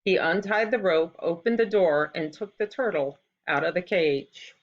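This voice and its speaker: A storybook reader with a voice on the low side reads a folktale aloud to children. Her delivery is expressive and deliberate in storytelling style, and the recording is slightly dull.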